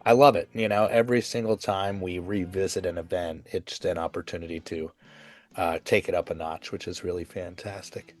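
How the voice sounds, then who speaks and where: A man's voice: low-pitched, fairly even intonation, fairly quick. A man with a nasal, stuffed-up voice from a cold, hosting a casual podcast in an effusive, slangy way. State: congested from a cold. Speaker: podcast host.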